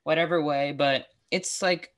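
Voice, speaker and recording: A woman's voice: low-pitched, fairly even intonation, a little slow. A young woman hosting a casual trivia quiz over a video call, giggly and stumbling over her words. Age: young adult. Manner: giggly, restarts often. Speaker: host running a trivia quiz. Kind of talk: casual online chat.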